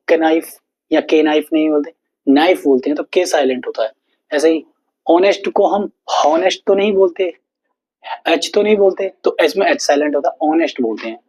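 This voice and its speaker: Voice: medium pitch, darkish tone, breathy edge, muffled recording. A teacher giving an online exam-prep lesson in Hindi, patiently explaining rules and repeating mnemonics several times while checking in with the listener.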